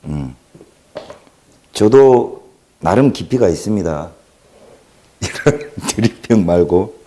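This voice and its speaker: A man hosting a casual livestream monologue, talking with a Jeolla accent in an animated, joking way and swinging between loud and quiet. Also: sits low, slow. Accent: Jeolla Korean. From Jeolla region, South Korea. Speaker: livestream host.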